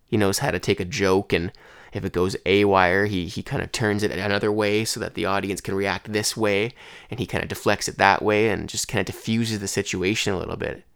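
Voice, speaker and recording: Young male podcast host, stuffed-up and congested, low-pitched and close and dry, rambling solo talk. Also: steady tone, brisk, vocal fry, a bit bright, clear, resonant tone, no echo. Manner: rambling, conversational, with restarts. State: congested throat and head. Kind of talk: casual solo monologue.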